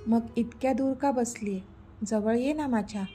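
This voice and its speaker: A woman's voice: on the high side, moderate pace, mellow, soft background music, close to an everyday voice. A woman voicing a playful young man who teases and pleads with his girlfriend in a read-aloud story. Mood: teasing.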